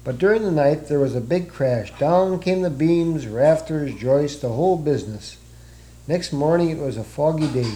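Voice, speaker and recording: Mellow-voiced man reading a storybook. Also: a little high, animated, moderate pace, a little hiss or hum, rough recording.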